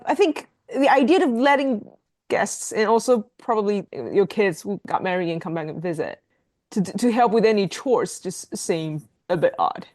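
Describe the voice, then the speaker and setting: A woman's voice: medium pitch, expressive, darkish tone. A woman hosting a casual podcast chat, asking curious questions and laughing easily. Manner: curious, quick to laugh and affirm. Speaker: podcast host.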